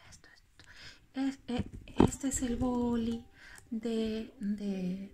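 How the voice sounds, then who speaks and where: Rambling woman vlogging. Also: a little high. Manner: rambling, self-correcting, laughs at herself. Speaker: craft vlogger. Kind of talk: casual vlog chat.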